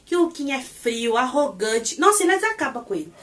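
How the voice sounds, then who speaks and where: A woman recapping a TV episode in a casual, animated way, acting out the characters' lines as she goes. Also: high voice, normal speed, distant mic. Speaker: series reviewer.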